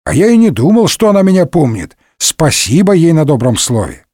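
A man's voice: on the high side, very animated, brisk, dry recording, clean studio sound, pitched above the performer's own voice. A man voicing a rude sarcastic Gascon swordsman. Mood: sarcastic, mocking. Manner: brusque, mocking, shouting insults. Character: hot-tempered middle-aged Gascon swordsman, rude and sarcastic. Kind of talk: comic audiobook reading.

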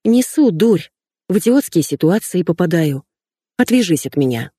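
A woman voicing a middle-aged widow, shrill and scolding, in an audiobook reading. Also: sing-song, normal speed, warm tone, husky, no echo, studio quality. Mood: shaky.

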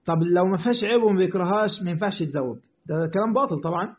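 A man's voice: high voice, very fast. A man with an Egyptian Arabic accent, a sheikh giving a religious lesson who speaks straight to his listeners, repeats his points and answers their questions. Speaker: sheikh teaching Quran commentary. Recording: tinny phone-like line.

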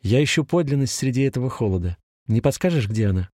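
A man's voice: mid-range voice, expressive, quick pace, dark tone, dry recording, studio quality, close to an everyday voice. A man voicing a fervent, feverish young ex-soldier who talks earnestly about a plague and hope.

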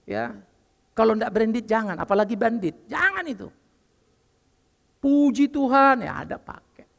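An older man preaching a lively, joking sermon as a pastor while unwell. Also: very high-pitched, unhurried, gravelly, long reverb tail. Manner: lively and joking, mixing in English phrases. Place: church.

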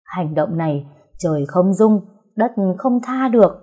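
Trúc, a bold sharp-tongued young woman, read by a woman. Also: medium pitch, expressive, moderate pace, close to an everyday voice. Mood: indignant. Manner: defiant, commanding.

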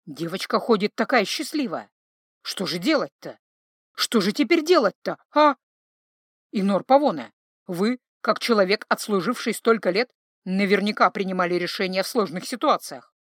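A woman's voice: medium pitch, expressive, moderate pace, no room sound, studio quality, lightly acted. A woman voicing a worried, devoted older butler who speaks hesitantly and pleadingly. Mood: alarmed.

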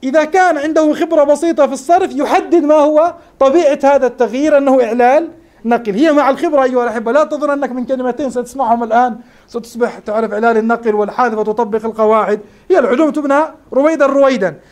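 A man's voice: very high voice, rapid-fire, a little mellow. A man teaching morphology in a classroom lecture, explaining step by step and asking his students questions.

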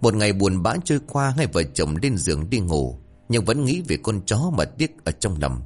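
Low-voiced man telling a dramatic horror story. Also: very animated, normal speed. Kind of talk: spoken horror story narration. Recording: faint background music.

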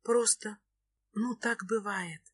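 A woman voicing a heartbroken young woman who speaks in a hushed, tearful whisper. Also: medium pitch, a little slow, slightly rough, no room sound. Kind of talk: audiobook reading.

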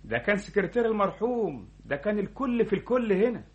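A man playing a fawning, scheming deputy manager with an Egyptian accent, flattering and insinuating, in an old radio comedy-drama. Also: sits high, fast talker, highs cut off. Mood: sly, insinuating.

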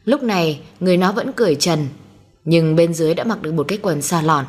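A woman's voice: on the low side, quick pace, breathy edge. A woman reading a dramatic story aloud as narrator.

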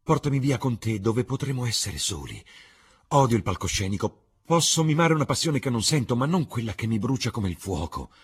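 A man's voice: mid-range voice, big pitch swings, fairly quick, husky, pitched above the performer's own voice. A man reading an audiobook, voicing a young actress who pours out her love in an exalted, pleading way. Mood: rapturous. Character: young actress woman, rapturous, lovestruck.

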